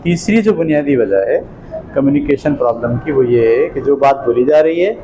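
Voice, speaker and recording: A man lectures to a class with lively intonation in a mid-range voice, against a noisy background. He works through terms step by step, often pausing to make sure everyone understands.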